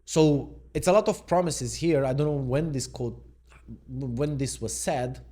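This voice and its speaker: A man's voice: medium pitch, unhurried, mellow. A man, a mindset coach, thinking aloud in an unscripted reaction video, laid-back and questioning as he goes. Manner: musing, thinks aloud and questions what he reads.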